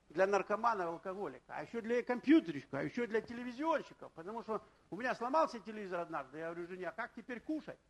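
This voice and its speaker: A middle-aged man, a pastor, preaching in a loose conversational way, telling personal stories and checking in with the congregation with quick questions. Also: sits high, vocal fry, poor audio. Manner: anecdotal, keeps asking the congregation "right?". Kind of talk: conversational sermon.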